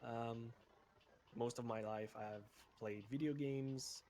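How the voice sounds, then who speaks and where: A young man from Bulgaria in his twenties chats casually as a podcast co-host. His voice sits at an ordinary middle pitch, and his talk is relaxed and meandering, with quick self-corrections. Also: slight background noise. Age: 20s. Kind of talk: casual chat.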